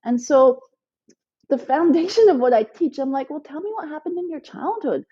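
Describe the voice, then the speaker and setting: A woman's voice: sits high, lively intonation, moderate pace, dark tone, muffled recording. A woman coach, born in Thailand and raised in Nepal, explains her ideas at length in a podcast interview, with many fillers. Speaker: guest coach for women.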